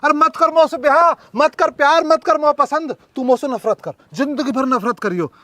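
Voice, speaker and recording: A man's voice: very high-pitched, moderate pace, sharp tone, no room sound. A young man, playing a heartbroken village lover who earnestly pleads with a girl in a comedy sketch. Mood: pleading. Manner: earnest, pleading, then confrontational.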